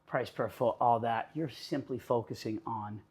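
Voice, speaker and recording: Upbeat interview host, man, mid-pitched, friendly run-on phrasing. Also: normal speed, breathy edge. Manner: upbeat, flattering, talks in long run-on lists. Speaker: podcast host. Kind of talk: conversational interview.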